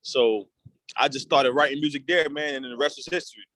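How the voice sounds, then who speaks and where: A man's voice: mid-range voice, a little fast, fairly bright tone, dry recording. A young man from Puerto Rico, a rap artist, telling his story in a laid-back, slangy way as an interview guest. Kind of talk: casual interview talk.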